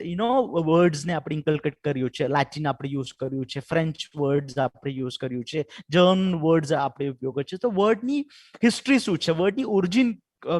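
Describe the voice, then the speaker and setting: Man, Gujarati accent, webinar lecture, tag question "right?", high animated voice, dry close sound. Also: dry recording. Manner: keeps asking "right?" after points. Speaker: English teacher giving a webinar talk. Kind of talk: lecture mixing Gujarati and English. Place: home or office for an online webinar.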